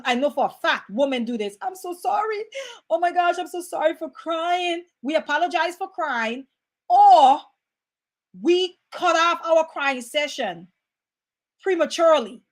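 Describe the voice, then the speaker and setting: Host: young adult woman, high and lively, chatty and candid with the audience. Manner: animated, conversational, reads out viewer comments. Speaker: host reading live chat. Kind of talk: casual livestream talk.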